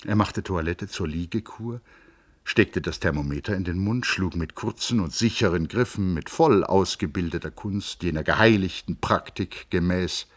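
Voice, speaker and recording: A man narrating an audiobook in a measured, literary, expressive way. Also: deep voice, husky.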